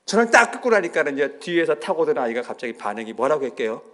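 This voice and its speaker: Animated male preacher with lively pitch. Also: fast. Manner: animated storytelling, acting out quoted voices. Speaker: pastor. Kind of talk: sermon. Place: church sanctuary.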